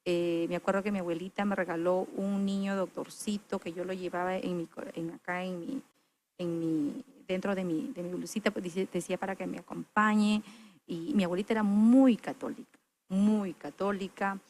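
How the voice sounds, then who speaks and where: A woman's voice: fairly low pitch, flat delivery, moderate pace, a little hiss or hum. Woman telling her story. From Peru. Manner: earnest, reflective storytelling. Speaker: interview guest. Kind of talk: personal testimony in a chat.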